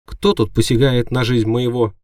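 A man voicing a squeaky, cheeky little female imp who squeaks and panics easily, in an audiobook. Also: level tone, moderate pace, darkish tone, no room sound, clean studio sound, far from the mic, natural voice. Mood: indignant.

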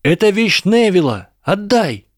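A man voicing an excitable, loud schoolboy wizard in a read-aloud story, pitched well above his own voice. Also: moderate pace, no room sound, studio quality, natural voice. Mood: shouting. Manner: shouting, indignant.

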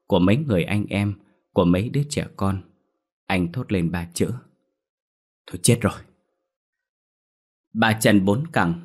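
A man narrating a scripted ghost story in a steady, solemn reading. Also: lowish voice, husky.

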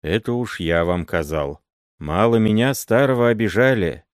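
A man's voice: on the low side, moderate pace, dry recording, studio quality, voice pushed up, natural voice. A man voicing an old working man, swearing wailing oaths of innocence in an audiobook reading. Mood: gruff. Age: older. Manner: wailing oaths, then gruff threats.

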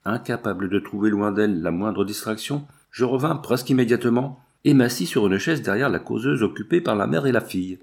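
A man with a low voice reads a classic novel aloud as scripted narration. His pitch moves in wide, lively curves, giving the literary prose an ironic, expressive lift. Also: fairly quick, creaky, few pauses. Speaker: audiobook narrator.

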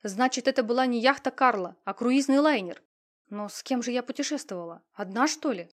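A woman voicing a frantic, emotional young heiress in an audiobook, talking loud and high-strung. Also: brisk, lightly acted.

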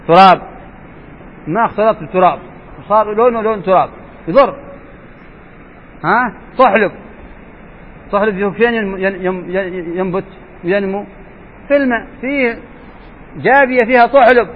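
A man's voice: sits high, moderate pace, pauses often. A man sheikh teaching a jurisprudence lesson, asking his students questions and repeating key points. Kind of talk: classroom lesson explaining a text. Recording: dull lo-fi recording with faint hiss.

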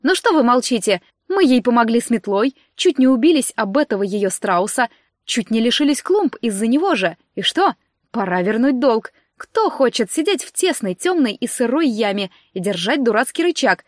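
A woman reading an audiobook voices a haughty, spiteful young witch who bosses her rivals, speaking in a sharp, scornful and cutting way. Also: a little high, sing-song, normal speed, no echo, clean studio sound.

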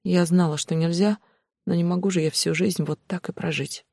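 A woman's voice: fairly low pitch, fairly even intonation, vocal fry, dry recording, studio quality. A man voicing a tearful, frightened young woman. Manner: quiet, halting.

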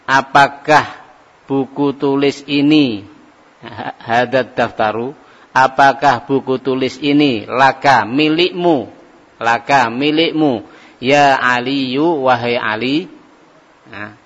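A man leads an Arabic grammar class, stretching each phrase out slowly as he drills it. The recording is muffled and lo-fi. His voice trails off into a long hall reverb. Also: medium pitch, fairly bright tone. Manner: slow, drawn-out drilling of phrases. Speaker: Arabic teacher.

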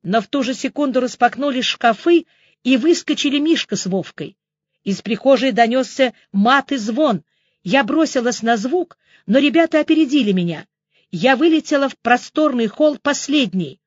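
Woman, brisk ironic narration, slightly higher voice, dull dry recording. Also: expressive, no room sound. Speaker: audiobook narrator. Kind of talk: first-person novel narration.

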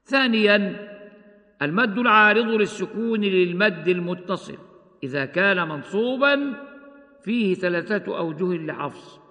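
A man teaching the rules of Quran recitation, explaining each rule and then slowly chanting the examples. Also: high-pitched, lively intonation, sharp tone, in a large hall. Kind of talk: tajweed lesson with chanted examples.

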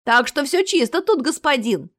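A woman's voice: high-pitched, moderate pace, voice pushed up. A woman voicing an eager young market boy telling gossip, in an audiobook reading. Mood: excited. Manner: conspiratorial, excited.

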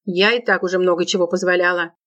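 A woman's voice: fairly low pitch, flat delivery, fast talker, a bit bright, close to an everyday voice. A woman voicing a harsh, scornful middle-aged widow in an audiobook, curt and contemptuous. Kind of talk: audiobook narration.

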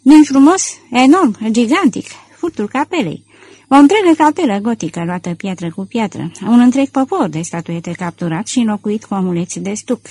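A woman's voice: fairly high pitch, lively intonation, warm tone, slightly rough, no echo. A woman reading as an eager, clever young man of a detective, bursting with emphatic exclamations in an audiobook. The delivery is close and dry, with no room around it. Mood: excited.

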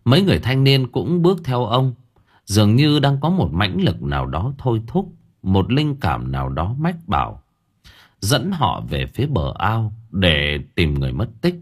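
A man narrating an audiobook story with dramatic, expressive delivery. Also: lowish voice, moderate pace, slightly rough.

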